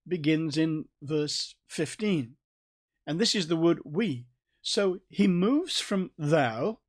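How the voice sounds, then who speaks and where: A man leads a Bible study in a somewhat raised voice. He explains the passage patiently and leans hard on the key words he wants the listeners to notice. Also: on the high side. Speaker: Bible teacher.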